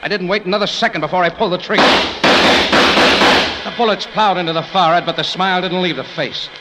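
An actor plays a terse, wry American adventurer narrating his own case in the slangy style of a 1940s radio detective, and the narration is tense. His voice sits high and close to an everyday voice, and he talks fast. This is an old radio recording with music behind it and heavy background noise.

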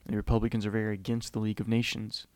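Low-voiced man giving a casual history lecture. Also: completely flat delivery, racing, darkish tone, no echo. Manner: conversational, frequent "you know", acts out quotes.

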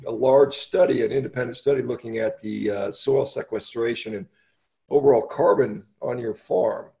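An American man interviewing as a podcast host, casual, halting and rambling, often repeating his words. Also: mid-range voice, creaky, dark tone.

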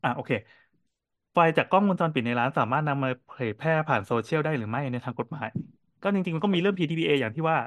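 A man co-hosting a casual podcast, telling cafe stories in a quick, animated way with lots of fillers. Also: fairly high pitch, no echo. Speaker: podcast co-host and cafe owner.

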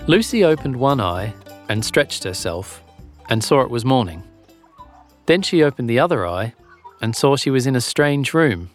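A man narrating a children's storybook in a gentle, expressive way. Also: medium pitch, normal speed, faint music behind.

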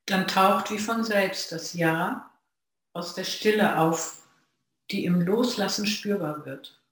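Reflective dharma talk from a Zen practitioner, unhurried and pausing, heavy room echo. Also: medium pitch, fairly bright tone. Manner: slow, measured, pausing between phrases. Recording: very echoey room.

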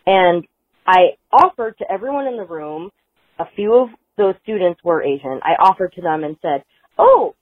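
A woman, a high school teacher, leaving a casual, slightly rambling voicemail for a show over the phone. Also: breathy edge, no echo. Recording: tinny phone line voicemail.

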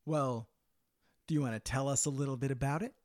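A man's voice: mid-range voice, brisk, darkish tone. A man hosting a podcast in a casual, chatty style. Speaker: podcast host.

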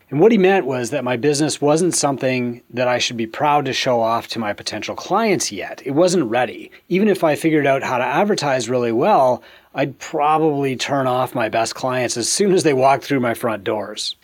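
A middle-aged man hosting a business advice show, delivering a scripted monologue in a tidy, structured and emphatic way with deliberate phrasing. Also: mid-range voice.

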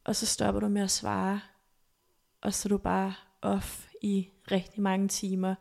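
A woman recounting a painful story as a podcast guest, her voice soft and halting. There is a gravelly fry in her delivery. Her pitch stays narrow and level. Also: completely flat delivery. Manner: soft, halting, emotional retelling. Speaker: interview guest. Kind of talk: personal storytelling.

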